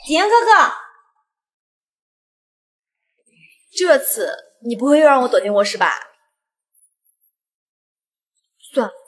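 Actress doing willful scheming young woman in a web drama, high pitched, dramatic, swoopy intonation. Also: lively intonation, quick pace, natural voice. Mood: coaxing. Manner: dramatic, emphatic. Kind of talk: short web drama acting.

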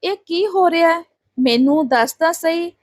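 A woman voicing a calm, fair-minded village husband who reasons with others and turns stern when needed. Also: very high-pitched, normal speed, dry recording, clean studio sound, voice pushed up. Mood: reasoning.

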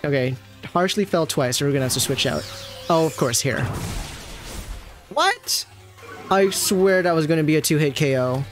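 A man's voice: a little high, fairly quick. A man giving casual, joking commentary as he plays a game. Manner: chatty and reactive, joking about the game. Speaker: gaming video host. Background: faint game music.

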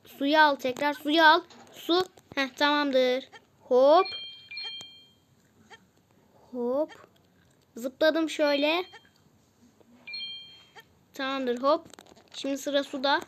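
High-voiced woman chatting over a mobile game. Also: steady tone, slow pace, pauses often, a little hiss or hum. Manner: chatty, often exasperated, repeats lines. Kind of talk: casual gameplay commentary.

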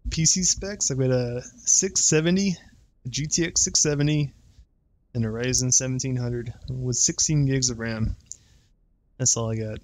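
Stuffed up nasal guy streaming a game, jokey and swears a lot, normal pitch. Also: moderate pace. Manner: joking, profane, laughs often. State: stuffed-up nose from allergies. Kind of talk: casual livestream gameplay chat.

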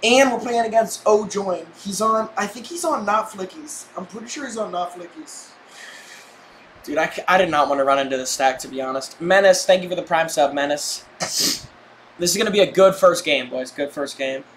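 A man's voice: sits high, normal speed, a bit bright, a little hiss or hum. A young man commentating casually on a live game stream in slangy, bro-heavy frat-boy talk. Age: young adult. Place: indoor room, streaming setup. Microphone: headset mic. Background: shooter game sounds.

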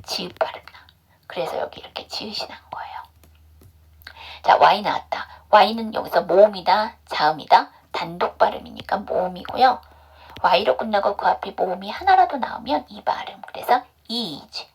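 A woman's voice: medium pitch, animated, normal speed, gravelly, slightly rough. A woman teaching English pronunciation in an online class, drilling step by step by asking questions and answering them herself. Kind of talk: online phonics lesson.

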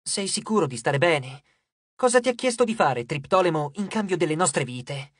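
An audiobook narrator voicing a kind teenage demigod girl who speaks gently and with concern. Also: mid-range voice, lively intonation, moderate pace, slightly rough, dry recording, studio quality.

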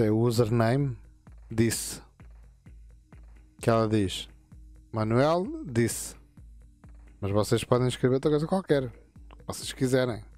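In his fifties, this gaming channel host uses a mid-range, darkish voice to casually show viewers settings on a screen-recorded tutorial. His explanations wander, halt, and restart often.

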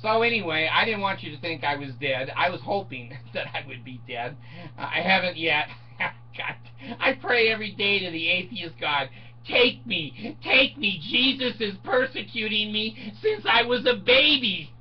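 A man's voice: high-pitched, normal speed, husky. An older man telling a story in a casual, sarcastic rant at home, laughing often as he talks. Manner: laughs often, animated and sarcastic, mimics others. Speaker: vlogger. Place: small room at home, indoors. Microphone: webcam in front of him. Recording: dull distant webcam sound with faint hiss.

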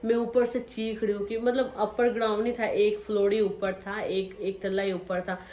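A woman's voice: medium pitch, little pitch movement, moderate pace, mellow. A young woman narrating her own life story to viewers, speaking emotionally and acting out what happened. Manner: emotional, talks straight to viewers and re-enacts scenes. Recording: roomy echo.

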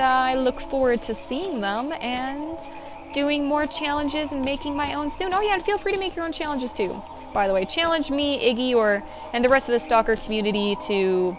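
Female gamer talking over her own play, cheeky, curses freely, sing-song teasing, higher voice, game sound loud underneath. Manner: playful, swears a lot, sing-song bursts. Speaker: gameplay commentator. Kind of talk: casual game commentary. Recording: loud game noise behind.

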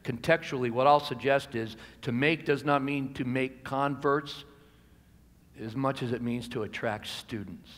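In an echoing church sanctuary, an American preacher in his sixties speaks at a pulpit through a gooseneck microphone, the sound amplified. His medium-pitched delivery is unhurried and deliberate, marked by pauses for emphasis and phrases that fade softer.

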